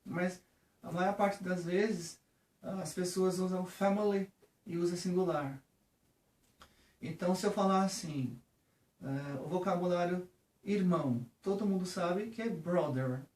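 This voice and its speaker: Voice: medium pitch, a little slow, pauses often, a little mellow. A teacher with a Brazilian Portuguese accent giving a patient lesson on English vocabulary, often checking in with the viewer. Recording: roomy, from a distance.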